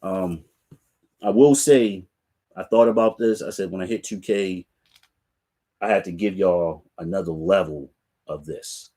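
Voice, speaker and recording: A man's voice: deep voice, a little slow, pauses often, warm tone. A middle-aged man hosting his sneaker channel, chatting casually and laid-back with viewers from a room full of shoe racks. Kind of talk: casual live chat to viewers.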